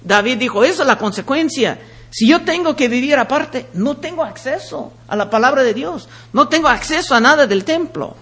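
High-pitched man preaching a Bible passage. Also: animated, sharp tone, husky. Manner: reads scripture slowly and emphatically, then explains in plain talk. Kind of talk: sermon, Bible reading with commentary.

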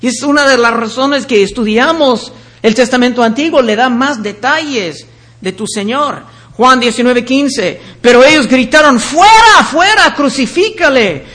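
High-voiced man preaching a sermon. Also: fairly bright tone. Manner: reads scripture passages aloud, with slips and restarts. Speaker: pastor.

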